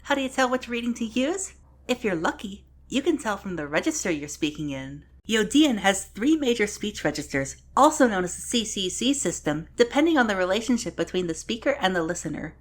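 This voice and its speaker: A woman narrates a scripted showcase in a voice that leaps all over her range. Her delivery is deadpan and sarcastic, and it breaks now and then into mock-dramatic outbursts. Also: mid-range voice, fairly quick.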